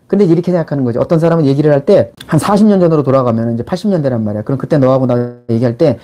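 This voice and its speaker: Talking very fast in a mellow, mid-range voice, a middle-aged man gives a casual lecture, blunt and informal, throwing rhetorical questions at his listener. He's a channel host and life and money mentor who acts out little quoted exchanges mid-talk.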